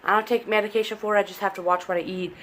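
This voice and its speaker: This young pregnancy vlogger from southern Indiana races through a rambling, self-mocking chat, congested, while facing a camera at desk distance in her living room. Her mid-range voice holds steady and is fairly bright, with slight background noise behind it.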